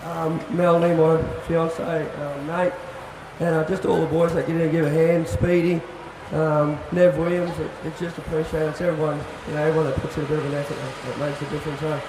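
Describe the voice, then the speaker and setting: An Australian man, a race driver, giving a plain-spoken, halting and casual thank-you interview. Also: a little high, level tone. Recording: echoey trackside PA with engine noise. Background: vehicle noise.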